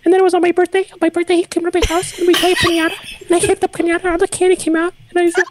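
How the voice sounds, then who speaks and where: A woman doing a squeaky chipmunk-voiced little boy. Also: little pitch movement, very fast, noisy background. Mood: giddy. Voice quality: high squeaky chipmunk-like child voice. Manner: childish singsong storytelling. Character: giddy rambling little boy. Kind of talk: improvised comedy bit on a podcast.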